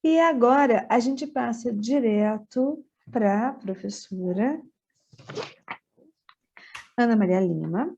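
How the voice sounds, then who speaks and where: A Brazilian woman with a Brazilian Portuguese accent moderates an online academic session, thanking presenters and introducing the next speaker courteously. Her voice is slightly high and mellow. The call audio is dull and lo-fi.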